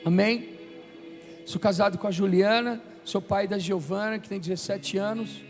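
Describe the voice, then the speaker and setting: With a steady tone, a high-pitched Brazilian preacher in his fifties delivers an emphatic, declamatory sermon, pausing deliberately. He reads scripture forcefully and uses call-and-response at a live event in a large, reverberant room, with music underneath.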